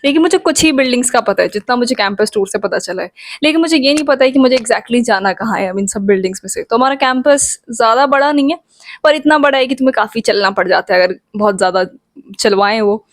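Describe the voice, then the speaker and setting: A woman's voice: a little high, expressive, fast talker, dry recording. A young woman vlogger in a chatty, playful storytime, talking straight to her viewers. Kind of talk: casual storytime.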